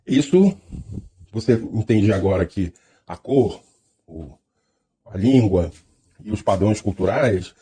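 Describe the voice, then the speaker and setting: A man's voice: on the low side, animated, slow pace, pauses often, dark tone, husky. A man with a Brazilian Portuguese accent giving a reflective, lecture-style monologue, thoughtful and hesitant, often restarting his phrases. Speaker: speaker.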